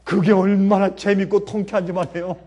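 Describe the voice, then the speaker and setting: Guy preaching, husky mellow voice, storytelling, laughs a lot and gets loud then quiet. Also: high voice, brisk. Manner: animated storytelling, often laughing, swinging between soft and loud. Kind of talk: sermon.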